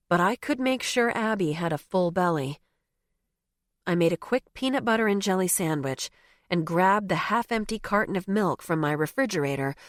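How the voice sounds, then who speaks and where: A woman's voice: fairly low pitch, no room sound, studio quality. A woman narrating a novel in the first person, with a wry, conversational telling. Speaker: audiobook narrator.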